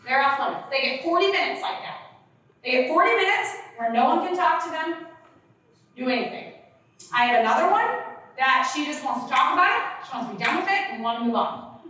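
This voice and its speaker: A middle-aged woman giving an animated conference workshop, questioning the audience and acting out quoted voices. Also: sits high, brisk. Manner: animated, acts out quoted voices, asks the room. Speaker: workshop presenter. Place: conference hall. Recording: echoey hall from far off.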